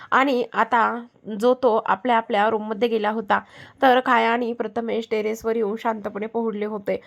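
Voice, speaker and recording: A woman narrating a romantic family story in a calm, even storytelling manner. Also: on the high side, creaky.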